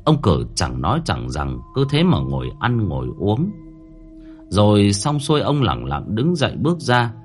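A man telling a horror story with a lowish voice that rises and falls dramatically. He slows for tense moments, with faint music playing underneath. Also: sing-song.

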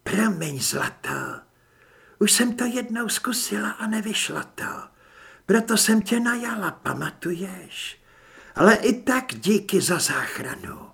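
A cold, vengeful vampire woman who speaks with cutting mockery, as a male narrator puts her on. Her voice is husky and a little breathy, dropping at times to a hiss. It is a storybook performance. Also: high-pitched, huge pitch swings, fairly bright tone, pitched above the performer's own voice, exaggerated voice. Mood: mocking.

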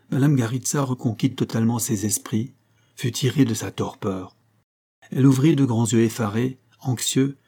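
A man reading a novel aloud as an audiobook narrator, in a steady, measured way. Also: on the low side, husky.

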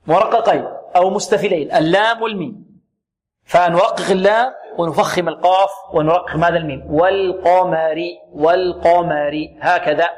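A man teaching Quran recitation rules, asking questions and answering them himself, and drawing out the recited words slowly. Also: high-pitched. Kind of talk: tajweed lesson with recited examples.

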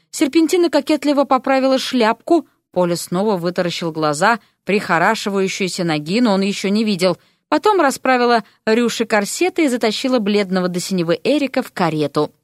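Woman narrator, audiobook, animated delivery, dry recording. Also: medium pitch, no echo. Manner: lively expressive storytelling.

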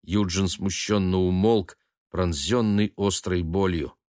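A man narrating an audiobook in a measured, expressive storytelling manner. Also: sits low, dry recording, clean studio sound.

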